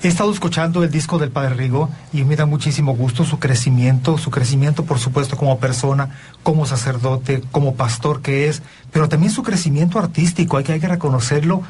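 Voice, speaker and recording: A Mexican priest hosts a talk show in a husky, slightly breathy voice. He sits a little higher in pitch than most men. His manner is earnest and preachy, and it grows animated when he makes a point. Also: a little fast. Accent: Mexican Spanish. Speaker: priest and radio show host. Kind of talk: radio talk show conversation.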